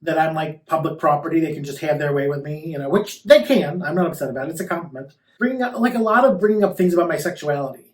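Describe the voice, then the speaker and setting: A man's voice: fairly high pitch, quick pace. A man talking casually in an interview as a sassy, campy drag queen. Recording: roomy echo, distant microphone.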